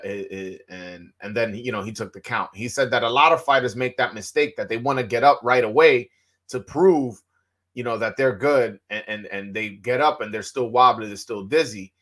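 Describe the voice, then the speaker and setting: A Dominican man with a medium-pitched, fairly bright voice interviews a boxer, asking questions in Spanish and translating them into English himself. His speech has many fillers and restarts.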